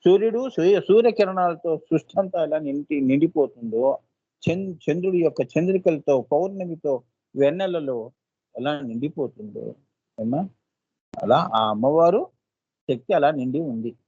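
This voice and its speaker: A man as a spiritual teacher giving a devotional discourse. He often asks his listeners "right?" and chants seed syllables slowly. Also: on the high side, lively intonation, dark tone, no echo, lo-fi sound.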